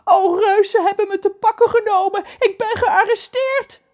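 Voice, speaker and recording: A woman voicing an excitable female mermaid in a storybook, rattling on without pause. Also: very high-pitched, voice pushed up. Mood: chattering. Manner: rattling on breathlessly. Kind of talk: storybook character voice.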